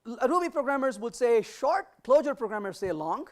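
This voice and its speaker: A woman's voice: fairly high pitch, big pitch swings, a little fast. A woman giving a conference talk to developers, questioning the audience and acting out short dialogues. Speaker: conference speaker.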